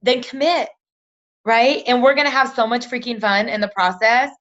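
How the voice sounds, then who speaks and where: A woman's voice: fairly high pitch, moderate pace, lo-fi sound. Peppy woman leading a team call. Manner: energetic, pep-talk delivery with repeated "right?" and "you guys". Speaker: team leader on a conference call.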